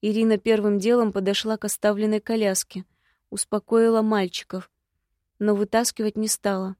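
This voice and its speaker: A woman's voice: medium pitch, little pitch movement, moderate pace, dark tone, no echo, clean studio sound. Woman reading an audiobook evenly. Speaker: audiobook narrator. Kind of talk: scripted narration.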